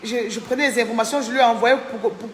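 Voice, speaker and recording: A woman's voice: a little high, fairly even intonation, fast talker, roomy sound, in a large hall, a little hiss or hum. A tired woman chatting on a live stream, thanking viewers by name and venting about a falling-out. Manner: chatty, reads out viewer names, indignant. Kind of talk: casual live-stream chat.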